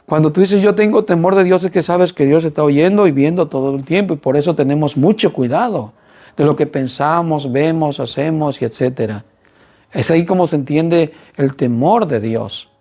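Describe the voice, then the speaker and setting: A man's voice: on the high side, normal speed, mellow. A man preaching a sermon in an earnest way, often putting rhetorical questions to his listeners.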